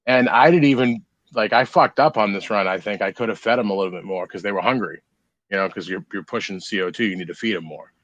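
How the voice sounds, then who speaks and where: A man's voice: lowish voice, fast, fairly bright tone, dry recording, dull audio. A man co-hosting a podcast, telling about his grow in a blunt, laid-back way with plenty of swearing. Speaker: podcast co-host. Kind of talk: casual chat.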